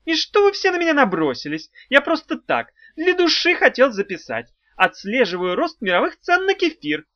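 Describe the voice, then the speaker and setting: A squeaky little demon, spiteful and fawning, shrieks way up high in wild, swooping outbursts. The sound is dull and lo-fi. His whining keeps breaking into shrill fury. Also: wildly swooping pitch, moderate pace, no echo, full character voice. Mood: squeaky mockery.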